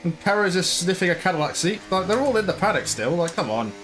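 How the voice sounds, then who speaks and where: A man's voice: high voice, sing-song, fast talker, a bit bright, slight background noise. Chatty man commentating a racing game. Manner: chatty, rambling, mock-commentates. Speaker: gaming YouTuber.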